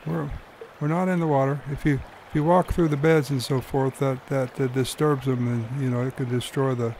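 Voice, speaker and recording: A man's voice: mid-range voice, fairly even intonation, moderate pace, a little mellow, slight background noise. A man hosting and narrating his own fishing video in an easygoing, folksy explaining manner. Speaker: fly-fishing guide and host.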